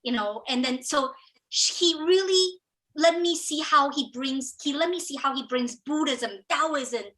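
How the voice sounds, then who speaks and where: Leading a live motivational training as a business coach, a middle-aged Taiwanese woman, a native Chinese speaker, talks in a polished English accent that sounds American. Her voice is high-pitched, fairly bright and unhurried. She speaks enthusiastically, frequently repeating words as she starts each thought.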